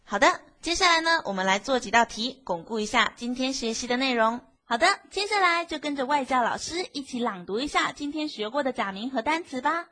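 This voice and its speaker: Woman teacher explaining step by step, high bright voice, keeps asking the class questions. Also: animated, brisk, hardly any pauses. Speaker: Japanese teacher. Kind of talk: language lesson narration.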